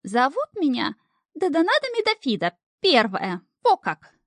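Woman putting on a squeaky imp in disguise. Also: huge pitch swings, unhurried, a bit bright, no echo, studio quality, exaggerated voice. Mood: coy squeaky. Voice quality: squeaky, thin. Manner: coy, wheedling, fussy.

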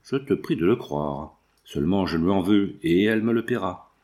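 A man's voice: deep voice, animated, normal speed, darkish tone. A man reading aloud in the part of a jilted young man who grumbles and sulks. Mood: vexed. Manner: grumbling, vexed. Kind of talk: audiobook reading.

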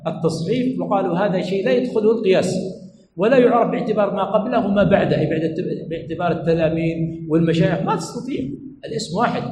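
A man's voice: high voice, rapid-fire, warm tone, reverberant, slight background noise, low-quality recording. A sheikh teaching a class lesson, repeating each point and asking his students what comes next, then answering himself. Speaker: sheikh teaching hadith terminology. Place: lecture room at a religious study center.

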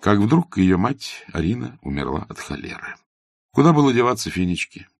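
A man narrating a classic novel as an audiobook in a measured, even reading. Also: lowish voice, breathy edge, no room sound, clean studio sound. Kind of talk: scripted literary narration.

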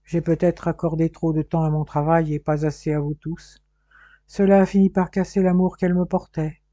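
A woman reading the part of a stern, weary middle-aged father, firm and then low and resigned. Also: little pitch movement, normal speed, mellow, dry recording, lightly acted. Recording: dull, muffled dry recording.

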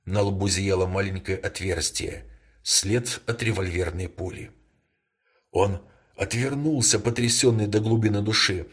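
A man narrating a story as an audiobook in a steady storytelling manner. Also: lowish voice, unhurried, husky.

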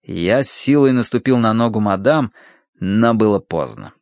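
A man narrating an audiobook in the first person with expressive, lively storytelling. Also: lowish voice, moderate pace, gravelly, no room sound, clean studio sound.

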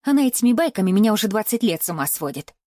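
A woman's voice: mid-range voice, sing-song, very fast, dark tone, no room sound, clean studio sound. A woman reading an audiobook and voicing a prim, scolding middle-aged mother with a barely hidden edge of hysteria. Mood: dismissive. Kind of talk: audiobook character voice.

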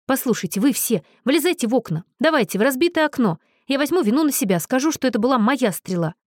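Proud young nobleman, read by a woman, urgent, quick, raised pitch, audiobook. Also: expressive, no room sound, studio quality. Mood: agitated. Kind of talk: audiobook character voice.

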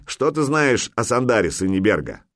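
A male narrator voicing a cunning Viking chieftain who speaks calmly and seriously, with authority. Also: mid-range voice, moderate pace, no echo, studio quality, pitched above the performer's own voice. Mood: commanding. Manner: commanding, calm and serious.

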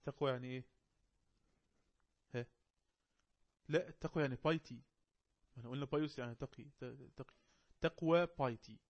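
A man with an Egyptian Arabic accent, teaching an online English lesson. He reads the English text slowly and explains it quickly in Arabic. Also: mid-range voice, highs cut off.

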